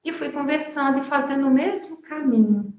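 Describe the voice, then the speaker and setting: A woman's voice: high voice, darkish tone. A woman in her fifties from Brazil, retelling a personal memory at length with emotion and frequent asides. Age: 50s. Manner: emotional, drawn-out retelling with many "né". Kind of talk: personal storytelling. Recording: echoey room.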